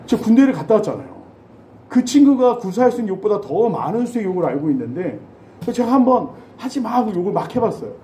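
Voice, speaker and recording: A man's voice: high-pitched, big pitch swings, quick pace, warm tone, slight background noise. A man in his forties preaching a Sunday sermon in a church, with a chatty, anecdotal style and touches of humor. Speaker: pastor. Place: church sanctuary. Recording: roomy church hall echo.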